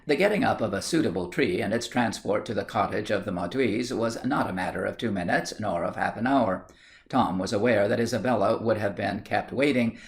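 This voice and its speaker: A man reading a story aloud as a narrator, steady and measured. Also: fairly low pitch, gravelly. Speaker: audiobook reader.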